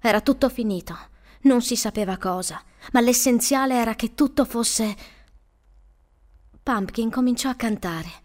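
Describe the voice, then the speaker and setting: A woman reading an audiobook in calm, measured narration. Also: fairly high pitch. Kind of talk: scripted narration.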